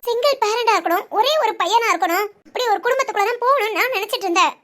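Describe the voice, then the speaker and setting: Performer doing a defiant young bride, very high squeaky cartoon voice, sharp curt retorts. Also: very fast.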